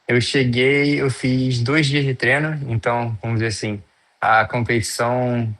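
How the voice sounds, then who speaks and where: A man's voice: mid-range voice, fairly bright tone. A man with a Brazilian Portuguese accent, a guest in a casual interview, talking in a loose, hesitant way with many fillers and restarts. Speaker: guest, freediver.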